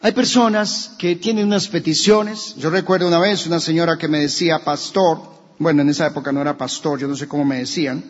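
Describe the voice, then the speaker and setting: High-voiced Colombian pastor preaching in a hall. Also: male voice, a little fast, lo-fi sound. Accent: Colombian Spanish. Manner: animated preaching, acts out quoted voices, rises to shouts. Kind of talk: sermon. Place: church.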